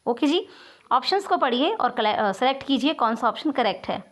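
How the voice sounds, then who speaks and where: A woman's voice: high voice, lively intonation, fairly quick. A woman teaching an English grammar lesson online, explaining patiently step by step and checking in often with her students.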